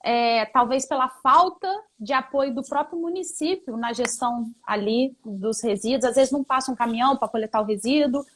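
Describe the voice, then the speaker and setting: A woman's voice: on the high side, normal speed, a bit bright. A woman hosting a live-stream interview, chatty and friendly toward her guest, with frequent conversational fillers.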